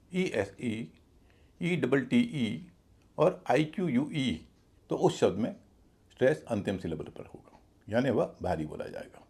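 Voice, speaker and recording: Guy teaching a pronunciation lesson, kinda husky, voice goes up and down a lot, explains step by step. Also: medium pitch, a little mellow. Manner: spells out words letter by letter and stresses syllables; patient, explanatory. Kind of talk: lecture-style lesson.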